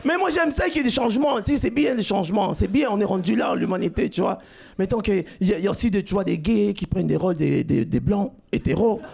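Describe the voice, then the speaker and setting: High-voiced gravelly comic shouting punchlines. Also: male voice, animated, fast. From Cuba. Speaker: stand-up comedian. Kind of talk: stand-up comedy set. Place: comedy club stage. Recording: live club recording with crowd. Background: audience laughter.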